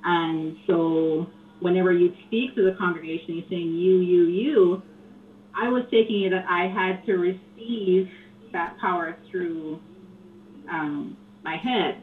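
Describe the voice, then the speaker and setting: A woman calls in to a radio show. Her voice sits low for a woman, soft and earnest, with many pauses. She comes through a thin, tinny phone line with faint hiss. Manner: soft-spoken, earnest, halting. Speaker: caller. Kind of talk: call-in phone conversation.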